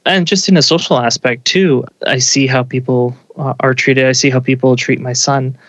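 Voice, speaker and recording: A man's voice: mid-range voice, steady tone, normal speed, fairly bright tone, dry recording, low-quality recording. Man, thirties, earnest, reflective, interview guest, dry sound. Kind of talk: conversational interview.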